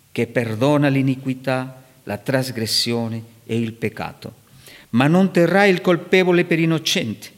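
A man preaching and teaching from scripture, animated and rising sharply in pitch for emphasis. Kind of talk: sermon. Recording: long hall reverb.

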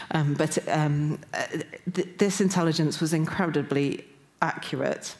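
Middle-aged woman preacher from Newcastle, low voice, earnest and self-deprecating, lots of ums. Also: darkish tone. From Newcastle, England. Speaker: church speaker. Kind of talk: sermon.

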